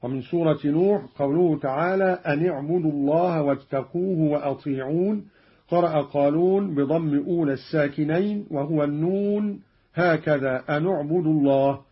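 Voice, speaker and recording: A man's voice: on the high side, normal speed, husky, highs cut off. A man explaining the rules of a recitation style and quoting short recited examples, on an old radio recording. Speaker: recitation commentator. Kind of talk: explanatory lecture on reading rules.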